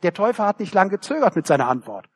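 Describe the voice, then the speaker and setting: An older man preaching a sermon, emphatic, with ironic asides and slowed words for stress. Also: sits high, very animated. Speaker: preacher and theology lecturer.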